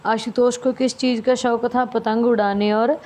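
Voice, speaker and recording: A woman teacher reading a story aloud slowly and carefully, with small restarts, then explaining it to her students. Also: on the high side, flat delivery, a little mellow. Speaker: school teacher. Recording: faint background noise.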